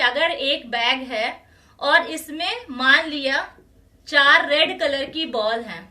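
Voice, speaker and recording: A woman maths teacher giving a classroom lecture, slowly repeating each phrase and often telling students to pay attention. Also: high-pitched, pushed and bright, far from the mic. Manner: slow and repetitive, says each phrase twice.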